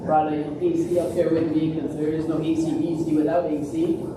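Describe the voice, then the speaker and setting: A woman's voice: sits low, level tone, brisk. A woman speaking earnestly as a coach presenting an award at a podium. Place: large echoey room at a live ceremony. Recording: echoey hall, distant mic, noisy.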